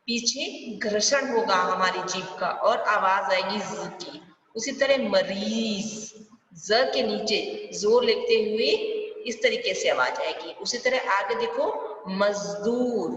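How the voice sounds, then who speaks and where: A patient woman teaches young children, asking them questions and then answering them herself. She draws words out slowly to show how each sound is said. Her fairly high voice comes from well away from the mic in a roomy space with a long echo, with dull sound and a faint hiss. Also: fairly bright tone, recorded from a distance. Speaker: primary school Hindi teacher. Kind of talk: online class lesson.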